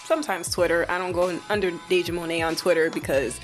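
A woman's voice: fairly low pitch, fairly even intonation, fast talker, faint music behind. A woman, chatting casually as an interview guest. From the Bronx, New York. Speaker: interview guest, media personality. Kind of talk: casual chat.

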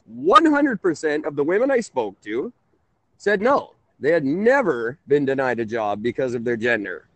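A man in his thirties hosts a casual call-in radio talk show, rambling, chuckling and correcting himself as he goes. His mid-range voice swings widely in pitch at a normal speed. The recording is dry and low in quality.

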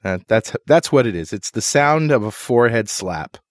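A man co-hosts a tech podcast from a recording studio, telling stories in a loose, joking way full of fillers and restarts. His fairly low voice has lively intonation at a moderate pace, and the recording is dry.

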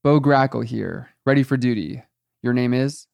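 Goofy eager teen guard, perpetually cheerful and chatty; man narrator voices him, mid-pitched. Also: normal speed, vocal fry, darkish tone, no echo, natural voice. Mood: friendly. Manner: cheerful, chatty, endlessly nice. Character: goofy, eager teenage male weed farm guard.

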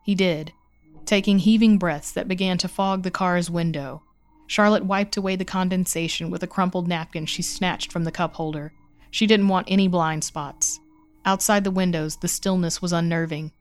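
Smooth-voiced woman narrating horror. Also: lowish voice, fairly even intonation, soft background music. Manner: measured, suspenseful reading. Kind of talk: scripted horror story narration.

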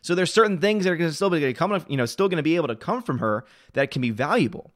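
A man's voice: fairly high pitch, expressive, fairly bright tone, dry recording, clean studio sound. Man streaming, answering chat. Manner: talks fast, reads and answers chat comments. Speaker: live stream host. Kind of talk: casual live stream commentary.

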